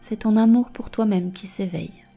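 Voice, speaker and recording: A woman guiding a meditation softly and slowly, close in your ear, with a breathy voice that often slips toward a whisper. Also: mid-range voice, soft background music. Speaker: meditation and hypnosis guide. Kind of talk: guided meditation, soft and slow.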